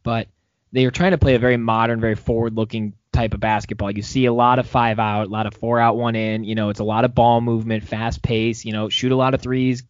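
A man's voice: medium pitch, level tone, brisk, dry recording. Male podcast co-host, optimistic sports talk, dry dull lo-fi sound. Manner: rambling, many restarts, upbeat. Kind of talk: casual sports chat.

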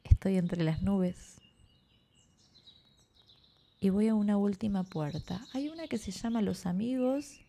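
A woman guiding a yoga nidra meditation and reading stories in a slow, soothing way. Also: medium pitch, vocal fry, dark tone. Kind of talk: guided meditation with story reading.

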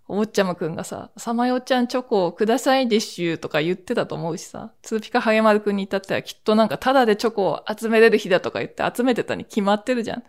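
A woman in her forties from Akita, hosting a podcast and telling a childhood story in a chatty, rambling way with asides. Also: medium pitch. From Akita, Japan. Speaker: podcast host. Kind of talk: casual solo storytelling.

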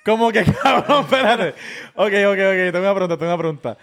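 Dude, high voice, excitable, swearing, firing off questions. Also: male voice, fast, gravelly. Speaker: trick participant. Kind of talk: casual chat.

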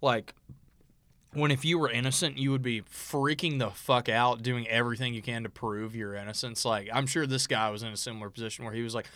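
A man's voice: medium pitch, fairly even intonation, brisk, fairly bright tone, no echo. Chatty man, dry close sound. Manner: loose and chatty, swears, trails off and restarts. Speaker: podcast co-host. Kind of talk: casual chat.

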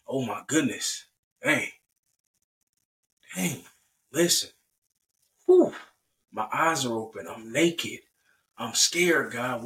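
A man's voice: mid-range voice, fairly bright tone, far from the mic. Man putting on a flustered, slangy Adam. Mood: panicky. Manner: casual slangy pleading. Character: panicky, defensive Adam, a young man.

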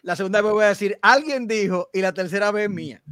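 A man's voice: high-pitched, fast, crowd noise. A man hosting a podcast, reacting with enthusiastic exclamations and steering the talk. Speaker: podcast host. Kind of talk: casual interview talk.

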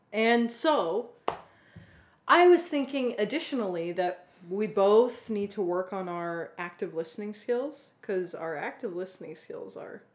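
A woman's voice: medium pitch, a little mellow. A young adult woman co-hosting a casual podcast, talking in a playful, giggly way. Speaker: podcast co-host. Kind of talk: casual chat.

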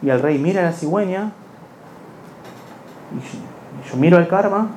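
A man's voice: high-pitched, lively intonation, moderate pace, darkish tone, a little hiss or hum. A young man with a Rioplatense accent telling a long stand-up comedy story in a rambling, self-mocking way. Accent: Rioplatense Spanish. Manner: rambling, self-mocking, slips into quoted voices.

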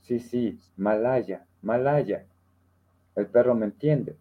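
A man's voice: medium pitch, slow, phone-quality sound. A man, talking reflectively about a poem with many tag questions, then reciting it. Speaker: participant reading a poem. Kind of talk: casual literary discussion and poem recital.

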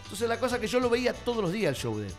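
A middle-aged man with an Argentine accent, a circus performer telling his story as a radio guest, lively and acting out the lines he quotes. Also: high voice, rapid-fire, over music. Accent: Argentine Spanish. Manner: animated storyteller, acts out quotes.

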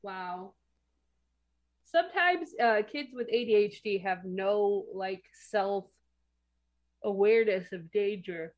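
A woman's voice: medium pitch, takes it slowly, pauses often, highs cut off. A woman co-hosting a casual movie podcast, playful and sarcastic, often laughing. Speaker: podcast co-host.

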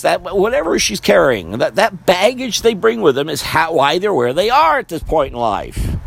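A man's voice: on the high side, gravelly, a little hiss or hum. A man hosting a podcast, rambling through casual political commentary with jokes and frequent chuckles. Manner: rambling, joking, chuckling often. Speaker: podcast host.

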